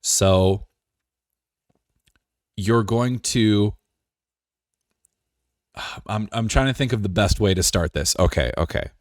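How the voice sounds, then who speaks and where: Deep-voiced joking male streamer. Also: slow pace, pauses often, no room sound, studio quality. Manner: joking, self-assured, rambling. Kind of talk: casual live-stream commentary.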